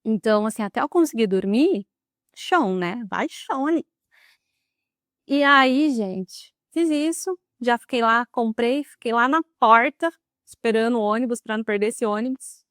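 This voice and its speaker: A woman's voice: fairly high pitch, normal speed, dry recording, studio quality. A young woman telling a personal story to camera in a dramatic, emotional way. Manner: dramatic, emotional retelling with lively quoted speech. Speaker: vlogger.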